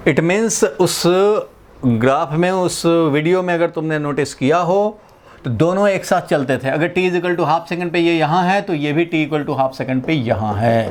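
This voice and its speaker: A man's voice: a little high, measured pace. A man from India giving a physics lesson, explaining step by step, repeating key phrases and checking in with his students. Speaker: physics teacher. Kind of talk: classroom lecture.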